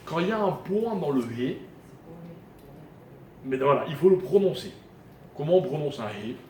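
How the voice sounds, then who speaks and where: An animated male rabbi, slightly high-pitched with a dark tone, teaches a live Torah class at normal speed to a few listeners in a room. He breaks down Hebrew grammar step by step and keeps quizzing his audience, captured in an echoey recording with faint noise.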